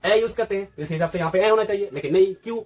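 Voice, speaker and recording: A man with a slightly raised pitch and a husky edge gives a grammar lesson. He teaches step by step, asking the viewer a question and then answering it himself. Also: very fast. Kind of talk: classroom-style lesson.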